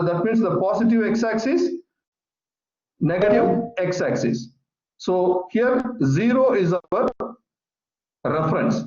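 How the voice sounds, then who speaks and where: A man teaching a physics lesson over an online call, explaining slowly and patiently with many repetitions. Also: high voice, mellow. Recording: echoey, muffled online call audio.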